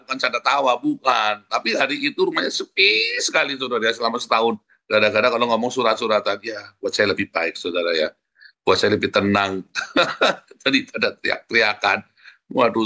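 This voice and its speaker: Male pastor with an Indonesian accent, bright voice, chatty sermon delivery with humor. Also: on the low side. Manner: conversational and humorous, often adds "saudara ya" and laughs while telling a story.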